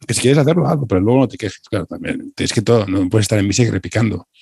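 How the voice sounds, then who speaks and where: A man's voice: lowish voice, fast, gravelly, darkish tone, breathy edge, no room sound, studio quality. A man, hosting a casual conversation and dropping wry joking asides. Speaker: podcast host.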